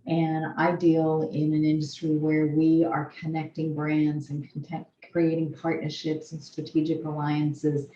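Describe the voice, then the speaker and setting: A woman host with a low, mellow voice, reflecting in an affirming way on her guest's words. She sounds as if she is in an echoey room on a video call, with slightly dull sound and a faint hiss behind her. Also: completely flat delivery, measured pace, hardly any pauses. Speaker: podcast host. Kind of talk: interview conversation.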